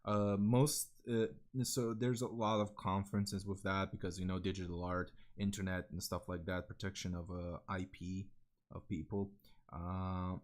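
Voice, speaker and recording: Speaking at a normal speed in a low, level voice, this young vtuber streamer from Serbia has a Serbian accent. His stream chat is casual and rambling, blunt, packed with fillers and free swearing.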